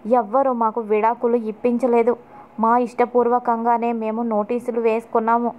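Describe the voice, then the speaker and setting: A woman's voice: on the high side, a little mellow, highs cut off, close to an everyday voice. A woman voicing a distressed young wife who insists on her story, read in her own voice.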